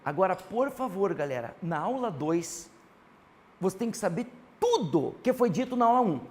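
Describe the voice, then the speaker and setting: A man with a Brazilian Portuguese accent teaching a grammar class, animated and constantly prompting his students to answer. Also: high voice, moderate pace.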